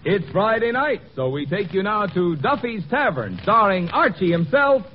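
A male radio announcer with a formal, rounded delivery introduces the show and reads a sponsor's spot, his high voice rising and falling. It sounds like a dull, muffled 1940s radio broadcast, with loud theme music playing underneath. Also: sing-song, moderate pace. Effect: old radio broadcast sound.

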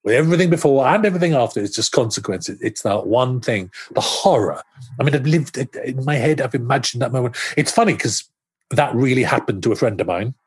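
On a podcast, a middle-aged screenwriter guest talks animatedly in an interview, frequently restarting sentences and acting out his own thoughts. His voice is medium-pitched, slightly rough, a little fast, with lively intonation.

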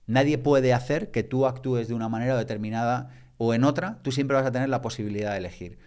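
A man's voice: mid-range voice, quick pace, darkish tone, clear, resonant tone. A man, a podcast guest talking reflectively and with emphasis in a conversational way.

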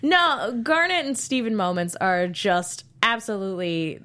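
A woman co-hosting a casual podcast chat about a cartoon, animated and laughing, quoting characters in playful voices. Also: mid-range voice, a little slow, clear, resonant tone. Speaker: podcast co-host.

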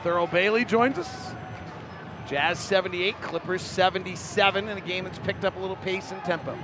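A man doing live play-by-play for a basketball broadcast, rattling off short clipped calls and rising to shouts on big plays. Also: sits high, fairly even intonation, normal speed, noisy background. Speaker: play-by-play commentator.

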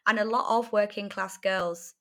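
A North Welsh woman in her late twenties, an article writer appearing as an interview guest, answers candidly, articulately and emphatically in a reflective, conversational manner. Her medium-pitched voice has fairly even intonation and a moderate pace.

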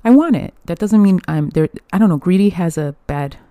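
Young woman podcasting solo, mellow voice, dry close sound, laughs a lot and swears. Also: on the low side, animated, fairly quick, dry recording. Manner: candid and chatty, swears freely, laughs often. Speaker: podcast host. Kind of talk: casual solo podcast monologue.

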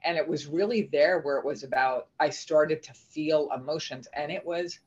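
A woman's voice: sits low, normal speed, slightly rough. Middle-aged woman guesting on a podcast, earnest, starts and restarts, muffled lo-fi audio. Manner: earnest, reflective, many restarts. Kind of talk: casual conversational interview. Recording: dull lo-fi remote audio.

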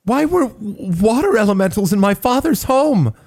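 A man's voice: high voice, lively intonation, normal speed, a little mellow. A man running a tabletop game as game master, voicing people and narrating.

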